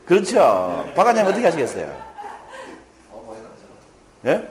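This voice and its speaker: A man lecturing to a live audience, his voice sitting a little high for a man and swinging widely in pitch. He tells stories and keeps turning questions back to the listeners. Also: a little slow, a crowd in the background. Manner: animated, asks the audience questions. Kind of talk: motivational lecture with storytelling.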